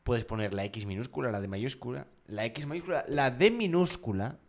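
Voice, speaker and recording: A man's voice: medium pitch, expressive, moderate pace. A man co-hosting a casual podcast chat, explaining things in a playful way. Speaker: podcast co-host.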